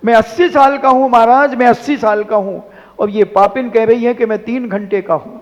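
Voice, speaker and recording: A man preaching voices an eighty-year-old grandfather protesting loudly and indignantly. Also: very high voice, fairly even intonation, normal speed. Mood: outraged. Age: older. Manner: loud, outraged protest. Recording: dull sound in a long-echo hall.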